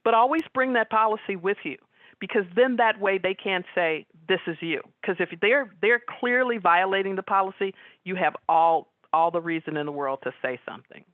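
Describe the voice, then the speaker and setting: A woman giving a webinar talk as guest speaker, chatting with the audience and pausing on fillers. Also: medium pitch, no echo. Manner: conversational, frequent fillers. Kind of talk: webinar presentation with audience questions. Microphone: video call. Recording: tinny phone-like line.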